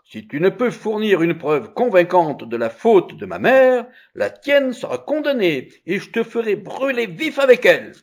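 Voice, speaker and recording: A man voicing a proud, furious male judge who shouts threats. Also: sits high, very animated, measured pace, few pauses, pitched above the performer's own voice, full character voice. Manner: loud angry threats.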